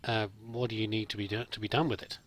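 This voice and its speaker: Flat in delivery and fast-talking, a fairly low-voiced man hosts a let's play, rambling through polite, hesitant in-character roleplay commentary. Faint background noise and game ambience sit under the recording.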